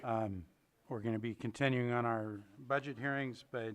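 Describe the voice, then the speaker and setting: A man's voice: medium pitch, steady tone, moderate pace. A man chairing a county board meeting, calling items in a plain procedural way with occasional um's.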